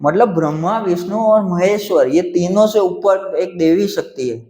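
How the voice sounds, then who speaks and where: A man's voice: high voice, moderate pace, a little mellow, echoey room. A young man reading religious texts aloud and breaking off to comment on them in a casual, conversational way, often saying "theek hai" between points.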